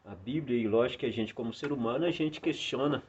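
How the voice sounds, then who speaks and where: A middle-aged man speaks earnestly in a casual chat, with many small fillers. His voice sits in a middle pitch. The sound is dull and lo-fi, with a faint hiss behind it. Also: fast, darkish tone. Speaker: guest.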